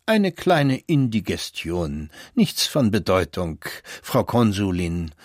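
A man voicing a kind young doctor in a storybook reading, speaking in a slow, pedantic official tone. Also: mid-range voice, big pitch swings, a little mellow, no echo, studio quality, exaggerated voice. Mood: soothing.

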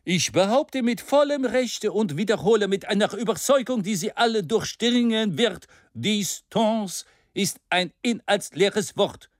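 A man's voice: sits high, lively intonation, unhurried, hardly any pauses, no room sound, studio quality, voice pushed up. A man reading aloud and voicing a bold, fiery male orator who speaks in a rousing, declamatory way.

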